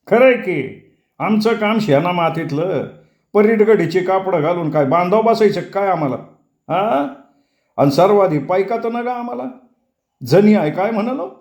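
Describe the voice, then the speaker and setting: A man voicing a stubborn village farmer who talks slowly and emphatically in rural dialect. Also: high-pitched, lively intonation, a little mellow, roomy sound, pitched above the performer's own voice.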